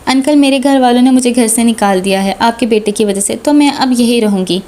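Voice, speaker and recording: A woman's voice: fairly high pitch, brisk, warm tone, lightly acted. A woman reading a novel aloud, voicing a dramatic young woman pleading tearfully.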